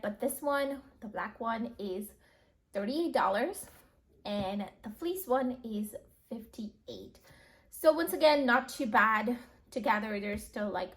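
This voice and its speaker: A heavily pregnant young woman chatting casually to viewers, tired and out of breath, thinking aloud in a hesitant, chatty way. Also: on the high side. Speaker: vlogger reviewing bags.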